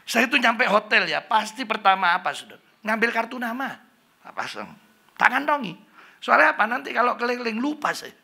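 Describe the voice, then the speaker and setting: A man's voice: very high voice, big pitch swings, fairly quick, creaky, pushed and bright. A middle-aged man preaching a humorous sermon in a church, chatty and joking. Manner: chatty, joking, slips into Javanese, mimics Chinese greetings. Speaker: pastor. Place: church hall.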